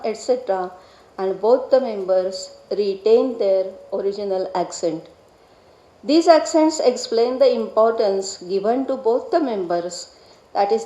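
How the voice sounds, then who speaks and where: A woman giving a formal academic lecture on grammar in a measured, deliberate way, carefully spelling out technical terms. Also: mid-range voice, warm tone, reverberant, low-quality recording. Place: lecture hall.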